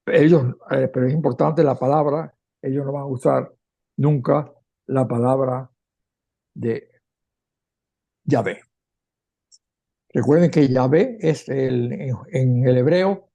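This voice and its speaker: Reading passages from scripture and commenting on each in turn, a man teaches a Bible class as a catechist. He has a fairly high, creaky voice that is mellow and husky, and his explanatory style includes the odd restart.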